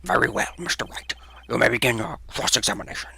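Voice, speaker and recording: A man voicing a formal older male judge in a video game who talks in a measured way. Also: mid-range voice, creaky, sharp tone, husky, full character voice. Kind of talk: fan voice-over of a video game.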